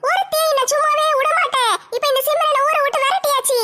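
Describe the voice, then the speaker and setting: A woman's voice: very high-pitched, fairly even intonation, fast, sharp tone. A woman playing a gloating young woman villain in a comic skit. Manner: gloating, cackling asides.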